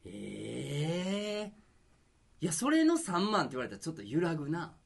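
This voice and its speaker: A man's voice: on the high side, huge pitch swings, normal speed, creaky, slightly rough. A man with a Kansai accent co-hosting a podcast in casual chat, joking and self-mocking with a drawl. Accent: Kansai Japanese. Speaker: podcast co-host.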